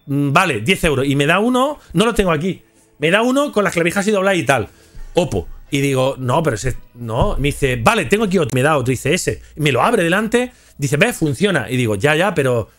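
A man, telling a rambling, slangy anecdote to his viewers. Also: a little high. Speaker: content creator. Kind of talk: casual storytelling to camera.

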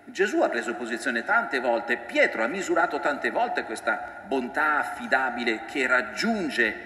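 A man's voice: mid-range voice, big pitch swings, unhurried, sharp tone, a little hiss or hum. A priest giving a reflective sermon, voicing the scripture he quotes with feeling. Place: church. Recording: echoey church with long reverb.

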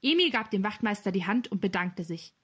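A woman narrating a children's novel as an audiobook, with clear, lively storytelling. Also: mid-range voice, fairly quick.

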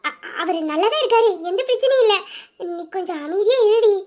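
A woman voicing a calm protective police sister. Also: very high-pitched, fairly quick. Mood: soothing worry. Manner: steady, reassuring, firm. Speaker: police officer. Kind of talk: Tamil audio drama acting.

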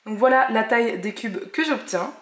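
A woman's voice: on the high side, lively intonation, normal speed. A woman hosting a cooking channel, narrating a recipe in a friendly, explanatory way and giving tips. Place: home kitchen. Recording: roomy echo, faint noise.

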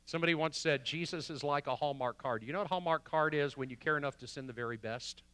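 A man preaching a sermon as the pastor in a church, swinging from loud emphasis to hushed quotes. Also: a little high, quick pace, smooth, no room sound. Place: church sanctuary.

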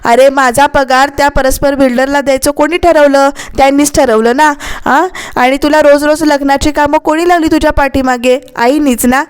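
A woman voicing an angry young wife who shouts accusations at her husband, in a light, high voice. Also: steady tone, lightly acted. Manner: furious, accusing, rapid outbursts.

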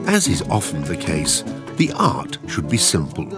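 A man narrating a travel cooking documentary in a measured scripted voice-over. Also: sits low, wildly swooping pitch. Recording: voice-over over music.

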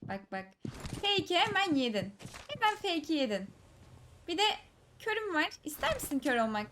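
A woman giving live commentary over her own mobile shooter match, teasing enemy players and breaking into excited shouts. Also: high-pitched, moderate pace, a little hiss or hum. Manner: teasing, talks to enemies, bursts of excited shouts. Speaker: gaming streamer. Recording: loud gunfire game audio behind. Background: game gunfire and clicks.

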